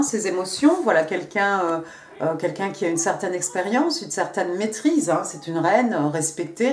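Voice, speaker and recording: A woman giving a casual tarot reading, talking straight to the viewer in a chatty, halting way, repeating herself and filling pauses. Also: medium pitch. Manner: chatty, halting, repeats words, many fillers; speaks directly to the viewer. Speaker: tarot card reader. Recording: echoey room.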